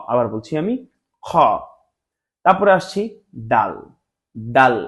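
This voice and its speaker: A man teaching Arabic letter pronunciation in a lesson, repeating each letter slowly and mixing in English words. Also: medium pitch. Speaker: Quran teacher.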